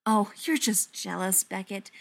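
A woman's voice: mid-range voice, measured pace, creaky. A woman voicing a smug, mocking male vampire elder in an audiobook reading. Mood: smug taunting.

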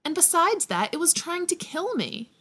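A woman voicing a cheerful male hobbit storyteller in an amateur audio reading, eager and quick to defend himself. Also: medium pitch, animated, a bit bright. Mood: defensive.

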